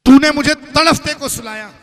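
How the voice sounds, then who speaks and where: A man's voice: very high voice, moderate pace, a bit bright, big-room sound. A man voicing an angry king who accuses and questions his wife. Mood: accusing. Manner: accusing, demanding.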